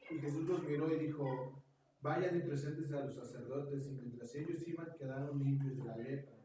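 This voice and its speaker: A man, a class member, reading a Bible passage aloud in a steady, plain voice. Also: medium pitch, normal speed. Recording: distant voice, echoey room, background noise.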